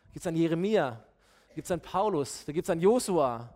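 A male pastor giving a sermon, animated and addressing his listeners directly. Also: a little high, brisk.

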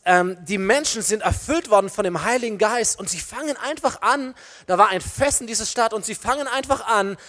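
A man preaching a lively, informal sermon to young people, talking straight to his listeners. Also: sits high.

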